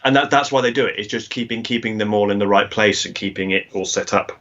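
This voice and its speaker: Male singing teacher, interview guest on a video call; low-ish voice, muffled lo-fi audio, halting explainer. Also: fairly bright tone. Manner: explains singing technique with many restarts and filler words.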